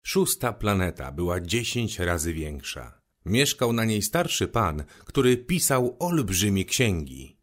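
A man narrating a storybook with expressive, gentle storytelling. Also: lowish voice, unhurried. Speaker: audiobook narrator.

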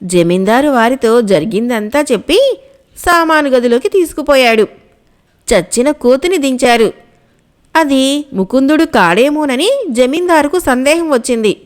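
A woman narrating a children's folk tale, reading steadily and clearly. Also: high-pitched, animated, a little slow. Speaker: storyteller.

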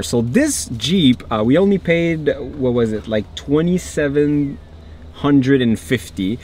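A man's voice: medium pitch, slight background noise. A man hosting a casual travel vlog, upbeat and chatty, with frequent laughs. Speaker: travel vlogger host. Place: inside an old jeep, then outdoors in rain.

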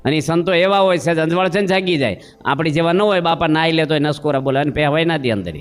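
A man's voice: on the high side, fast, smooth, soft background music. A man preaching a sermon, telling homely stories and questioning his listeners. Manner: storytelling with acted voices and questions to listeners.

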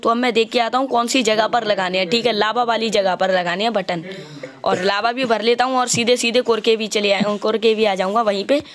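A man giving casual gameplay commentary, chatty and walking the viewer through each step, stopping to fix his own mistakes out loud. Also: sits high, steady tone, a little fast. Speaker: gaming channel host.

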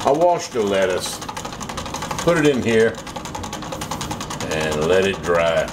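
A man's voice: low voice, very animated. A middle-aged man with a Southern US accent talking in a folksy, plain-spoken way as he demonstrates home cooking in a casual vlog. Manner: folksy, unhurried, plain-spoken with mild swearing. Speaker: home cook demonstrating a recipe. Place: home kitchen, indoors. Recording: clear background kitchen hum noise.

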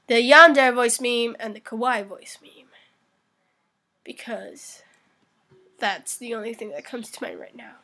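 A young woman with a high voice and a hoarse, worn throat, chatting casually through a voice-meme recording. She talks slowly and rambles, filling the gaps with ums and small laughs. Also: fairly bright tone. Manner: rambling, with frequent fillers and laughs. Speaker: channel uploader.

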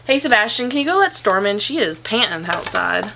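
A young woman at home chatting casually through an unboxing, gushing and excitable, swearing now and then. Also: mid-range voice, brisk, slight background noise. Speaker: plant vlogger.

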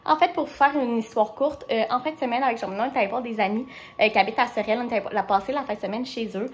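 A woman's voice: on the high side, racing, roomy sound. A young woman with a Quebec French accent, chatting casually to her viewers as she vlogs her day and walks through a simple recipe. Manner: chatty, easygoing, talks straight to viewers. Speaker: vlogger. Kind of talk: casual vlog chat and cooking walkthrough. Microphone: camera on tripod.

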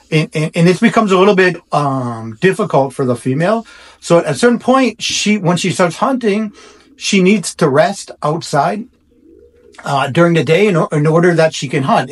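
A middle-aged man, a barn owl researcher, explains to camera in a reassuring way, often restarting his sentences. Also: on the high side. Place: indoor room.

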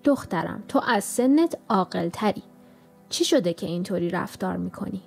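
A woman's voice: mid-range voice, lively intonation, vocal fry, faint music behind. A woman voicing a sneering, commanding old witch in a storybook, with a nasal, sarcastic manner. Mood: coaxing. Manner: sarcastic, bossy.

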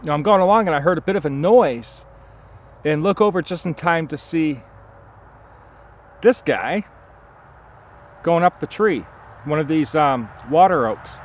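A man's voice: a little high, lively intonation, unhurried, long pauses. Chatty man vlogging outdoors in a forest. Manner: enthusiastic, chatty, thinks aloud with fillers. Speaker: nature vlogger. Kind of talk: casual outdoor vlog narration. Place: pine forest campsite outdoors. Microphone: handheld camera at arm's length.

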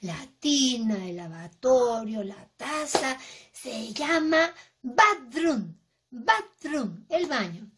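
A young woman teaching English words to small children, with an exaggerated, expressive sing-song delivery. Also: high-pitched, extremely slow. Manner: exaggerated, expressive, acting out emotions for kids.

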